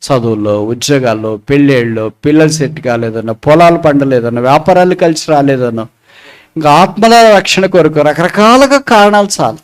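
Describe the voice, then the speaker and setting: A man preaching a sermon with a Telugu accent. He asks the crowd questions and swings between loud, emphatic lines and hushed ones. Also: fairly high pitch, normal speed, smooth.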